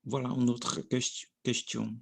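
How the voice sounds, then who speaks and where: Slow and level, a Brazilian man in his thirties works through a casual practice monologue in a language he learned, restarting often and groping for words in his Brazilian Portuguese accent. The mid-range voice is slightly rough with vocal fry, captured dry at studio quality.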